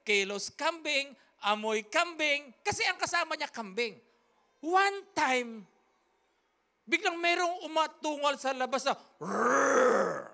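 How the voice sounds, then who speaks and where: A woman's voice: sits high, bright, forceful tone. A woman pastor, telling a story in a sermon with emphatic, repetitive, rhythmic phrasing. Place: church service.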